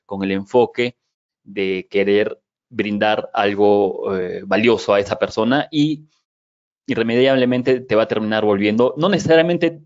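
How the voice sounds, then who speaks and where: A man interviewing a guest, framing long questions with many pauses and restarts. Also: lowish voice, darkish tone, dry recording. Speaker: podcast interviewer. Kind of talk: conversational interview. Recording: dry, dull lo-fi sound.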